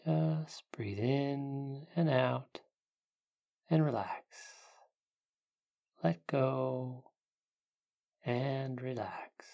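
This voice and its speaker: A meditation narrator speaking like a sleep story narrator, giving gentle, hushed guidance with long pauses and a creaky voice. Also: medium pitch.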